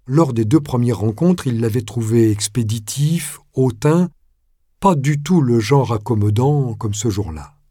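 A man reading a novel aloud as narrator, measured with a dry ironic touch. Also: medium pitch, lively intonation, mellow, husky, dry recording. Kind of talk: audiobook reading.

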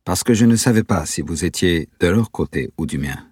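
A paranoid young stranger from a storybook reading, guarded and tense, weighing each word, as a male narrator puts him on. the voice sits very low, husky and dry. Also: animated, normal speed, darkish tone, dry recording. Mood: explaining. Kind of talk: audiobook character voice.

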